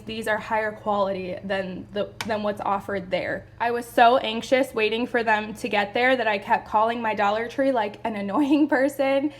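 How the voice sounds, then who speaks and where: A young woman chatting excitedly through a home decor haul, gushing and a little out of breath. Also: mid-range voice. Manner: gushing, chatty, lots of "like" and "you guys". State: a bit out of breath. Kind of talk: casual haul video.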